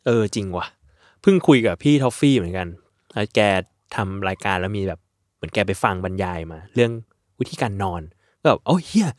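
A man hosting a casual podcast chat, reacting with quick backchannels and mild swearing. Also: deep voice, lively intonation, darkish tone, no room sound, clean studio sound.

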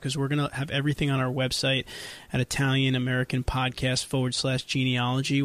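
A man's voice: medium pitch, a bit bright, no room sound. A man hosting an interview podcast, asking questions and sharing his own family research examples in an upbeat way. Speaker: podcast host. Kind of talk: casual interview.

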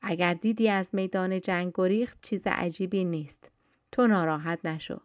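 A woman voicing a mighty, mocking male hero warrior in a told story, in a low, even storybook voice. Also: no echo, clean studio sound, close to an everyday voice. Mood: stern.

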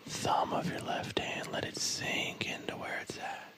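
Slow whispering man guiding relaxation. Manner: soft, slow, soothing instructions with casual asides. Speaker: ASMR host. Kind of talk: whispered guided body-scan relaxation.

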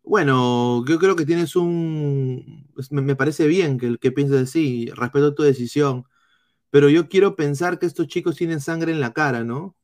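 A man with a Peruvian accent doing live football analysis, reading chat comments in a blunt, swearing style with halting restarts. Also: a little high, a little mellow. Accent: Peruvian Spanish. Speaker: football streamer.

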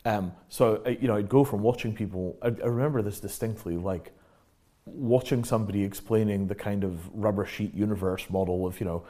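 A middle-aged man from Britain answers interview questions in a lowish, mellow voice. He talks reflectively. When he acts out the reactions he quotes, his pitch jumps up suddenly. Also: a little fast. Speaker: guest. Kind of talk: casual conversational interview.

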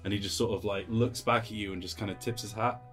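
A man's voice: lowish voice, fairly even intonation, quick pace, a bit bright, faint music behind. A man narrating as game master in a tabletop game, loose and full of fillers.

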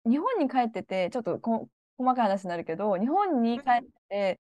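Expressive woman co-host, lively pitch swings, dry close sound, frequent laughter. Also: moderate pace, no room sound. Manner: expressive, laughs often while telling stories. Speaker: podcast co-host. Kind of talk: casual chat.

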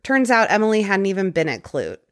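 A woman hosting a podcast, casually recounting a true-crime case with quick conversational asides. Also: medium pitch, very animated, a bit bright. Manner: conversational, quick asides, occasional put-on quotes. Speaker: podcast host telling a case.

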